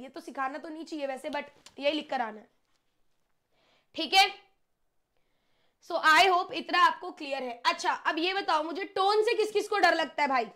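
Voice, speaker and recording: Young teacher lady, high bright voice, chatty and teasing, live online class. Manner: chatty, teasing, switches into English phrases.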